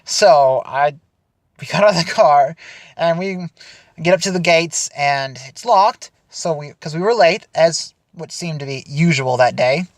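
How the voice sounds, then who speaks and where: A young man telling a funny story casually to the camera for an audition, animated and chatty. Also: on the high side, a little slow, no room sound. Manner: animated, chatty, frequent restarts and laughter. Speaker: audition video speaker.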